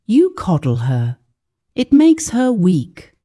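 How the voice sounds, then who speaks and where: A woman storyteller voicing a stern, dismissive stepfather in a dark, slow storybook reading. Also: mid-range voice, huge pitch swings, voice pushed up, full character voice. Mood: cold, scornful. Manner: curt and dismissive. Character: stern, cold stepfather, adult man.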